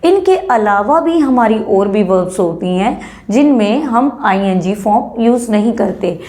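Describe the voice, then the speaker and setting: A woman's voice: mid-range voice, animated, unhurried, a little mellow. A young woman teaching an English grammar lesson, patiently explaining rules in Hindi and listing English example words one by one, often asking rhetorical questions. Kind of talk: classroom-style grammar lesson.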